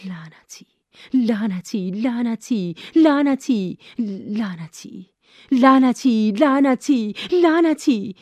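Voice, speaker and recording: A woman voicing a terrified young woman stranded alone on arctic ice, pleading and shouting in panic. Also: a little high, animated, no echo, studio quality, pitched above the performer's own voice.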